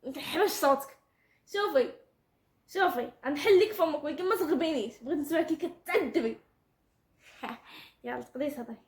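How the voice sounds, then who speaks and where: A woman's voice: high-pitched, fairly quick, long pauses, roomy sound. A woman with a Moroccan Arabic accent, bossing around and teasing in a casual vlog. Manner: bossy, teasing, giggling. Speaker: vlogger.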